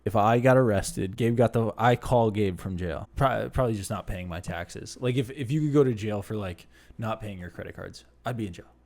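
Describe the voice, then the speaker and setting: A man's voice: fairly low pitch, moderate pace, darkish tone. A man in his late twenties hosting a casual question-and-answer video for his channel, rambling and self-deprecating as he talks things through with frequent restarts. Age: late 20s. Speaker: channel host. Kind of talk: casual Q and A vlog.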